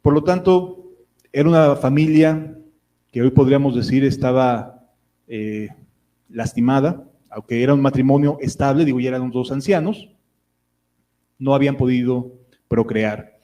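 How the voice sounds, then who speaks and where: A man preaching a sermon, reading verses and then unpacking them in an easy, conversational manner. His voice is mellow and warm, at a middle pitch, with the odd filler as he thinks aloud. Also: unhurried, pauses often, low-quality recording. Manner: explanatory, reads Bible verses aloud then comments, with fillers.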